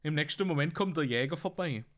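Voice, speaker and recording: A man's voice: on the high side, animated, a little fast, a bit bright. A man with a Swabian accent telling jokes on his podcast, often bursting out laughing at his own punchlines. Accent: Swabian German. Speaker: podcast host. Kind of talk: joke-telling podcast monologue.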